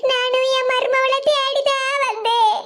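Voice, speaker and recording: A woman's voice: extremely high pitch, fairly even intonation, a little slow, fairly bright tone. A woman voicing a fretful old village grandmother in a cartoon, wailing and blaming herself, with a Kanyakumari Tamil accent. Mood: tearful. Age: over 70 (figure). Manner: lamenting, self-blaming. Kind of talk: animated comedy voice acting.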